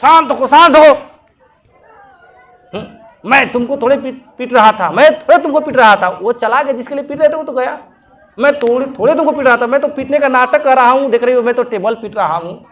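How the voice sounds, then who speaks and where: A man's voice: very high voice, fairly quick, fairly bright tone. A man telling a story, voicing a flustered husband who hurriedly pleads with his wife. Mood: pleading.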